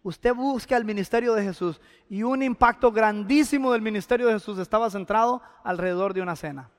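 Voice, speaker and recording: High-voiced male preacher in a reverberant hall. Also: a little fast. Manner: conversational preaching, addresses listeners directly. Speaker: pastor. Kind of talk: sermon.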